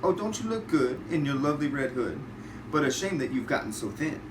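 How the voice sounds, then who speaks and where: A man's voice: mid-range voice, very animated, brisk, natural voice. Sly, coaxing storybook wolf read by a man, roomy. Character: sly, hungry storybook wolf posing as granny. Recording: roomy, distant, noisy home recording.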